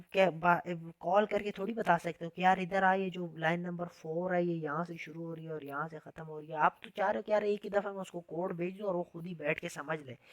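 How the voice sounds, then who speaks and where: A man's voice: high voice, no room sound. A man giving a casual, chatty programming lesson in an informal, friendly way. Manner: chatty, informal, says "yaar" often. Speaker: programming teacher. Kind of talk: casual classroom lecture.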